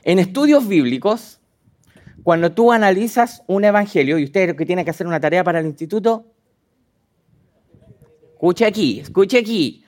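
A man preaching a sermon in a high, sing-song voice that leaps up and down. He talks animatedly and puts direct questions to his listeners. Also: normal speed, pauses often. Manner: animated, acts out quotes with sudden high dramatic voices.

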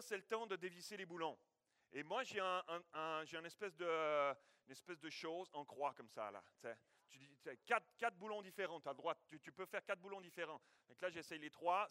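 A man with a high, bright voice preaching a sermon. He tells his story in an animated way, voicing sound effects and stumbling through restarts. The sound is dry and close, with no room echo. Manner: frequent restarts and repeated words. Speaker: pastor. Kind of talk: sermon with a personal anecdote.

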